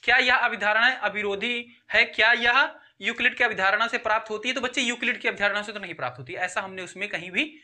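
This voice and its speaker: A man's voice: sits high, quick pace, hardly any pauses, sharp tone. A man teaching a school maths lesson step by step, often repeating himself and checking in with his students. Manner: addresses students as children, repeats and checks with "theek hai". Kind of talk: classroom-style maths lesson.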